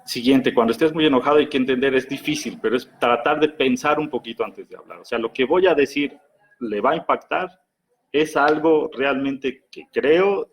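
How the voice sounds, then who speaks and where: A man with a Mexican accent talks through practical advice on anger in a lively, explanatory way. His voice has a husky, slightly rough edge, and his pitch sits in an ordinary middle range. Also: normal speed. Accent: Mexican Spanish. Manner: lively, acts out imagined quarrels in other voices.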